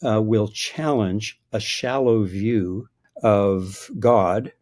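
He speaks on the low side with drawn-out words and a darkish tone. A biblical scholar in his sixties, he answers the interviewer reflectively, stopping and restarting often and chuckling at his own points.

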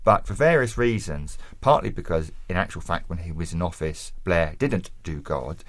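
A man's voice: sits low, normal speed, dry recording. A man from Essex with a southern English accent, answering interview questions in an articulate, considered, erudite way. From Essex, England. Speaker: interview guest, author.

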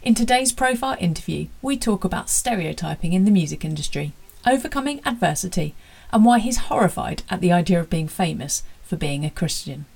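A woman's voice: lowish voice, expressive, a little fast, darkish tone. A woman hosting a radio interview show, reading a polished scripted introduction. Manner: polished, reads smoothly from a script. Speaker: radio host.

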